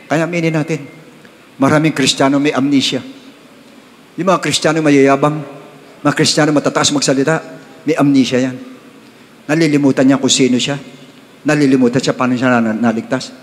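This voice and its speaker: A man with a Filipino accent preaching a sermon as pastor, swinging from calm talk to sudden high outbursts and slow stressed readings. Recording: long reverb of a large hall.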